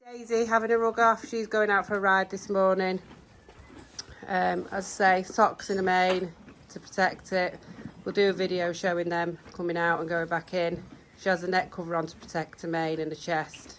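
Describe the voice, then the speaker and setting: A middle-aged British woman with a croaky voice, chatting casually to viewers as a horse-owning vlogger. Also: mid-range voice, steady tone, moderate pace, a bit bright. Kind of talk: casual vlog chat. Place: in a car, then a stable yard. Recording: handheld vlog with background noise.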